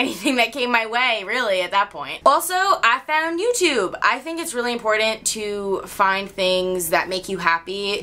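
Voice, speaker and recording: A woman's voice: mid-range voice, pushed and bright. A young woman with a regional American accent talking candidly to her camera in a personal vlog, laughing often. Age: young adult. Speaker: YouTuber.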